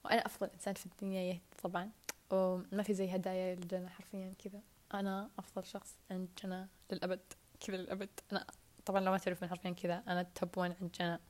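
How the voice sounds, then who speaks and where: Through a wired earphone mic, a woman with a lowish voice and a Saudi Arabic accent chats on a casual solo podcast. She rambles quickly and keeps dropping to a whisper.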